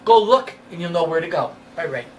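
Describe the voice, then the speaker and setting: A man's voice: on the high side, lively intonation, fairly quick, a little mellow. A man co-hosting a fishing show, chatting in a folksy way and giving plain advice with dry jokes. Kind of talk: casual chat. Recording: picked up from a distance, faint background noise.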